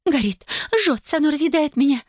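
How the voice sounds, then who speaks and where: A woman's voice: lively intonation, fairly quick, a little mellow, no room sound. A woman voicing a panicked young woman who shrieks in hysterics, in a dry audiobook reading. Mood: hysterical. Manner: shrill, hysterical.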